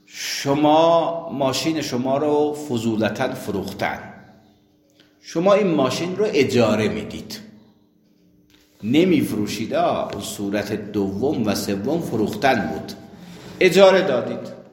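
A man's voice: mid-range voice, expressive, darkish tone. A man teaching a jurisprudence lesson, who explains with worked examples and asks and answers his own questions. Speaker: seminary teacher. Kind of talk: jurisprudence lecture. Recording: echoey hall.

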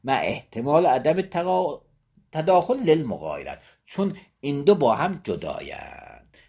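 Man, seminary lecturer, reads passages then explains them, lively rising and falling pitch, husky voice. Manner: repeats and rephrases points, with frequent pauses and "uh" fillers. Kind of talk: teaching a text on Islamic law.

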